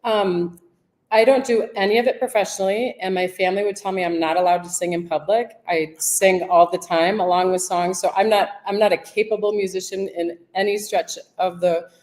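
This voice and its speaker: A woman's voice: mid-range voice, fairly even intonation, a little fast, a little mellow. A woman podcast guest who talks in a chatty, self-deprecating way, often restarting her sentences. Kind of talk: casual interview chat.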